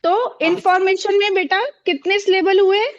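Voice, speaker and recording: A woman's voice: very high-pitched, fairly even intonation, moderate pace, dull audio. A woman teaching a classroom, asking the pupils questions and repeating their answers with encouragement.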